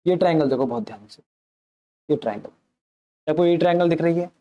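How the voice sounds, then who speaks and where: A man's voice: fairly high pitch, fast talker, muffled recording. A man teaching a maths lesson, patiently asking questions aloud and answering them himself, politely addressing his listeners throughout. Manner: patient, repeats key points. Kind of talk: explanatory classroom lesson.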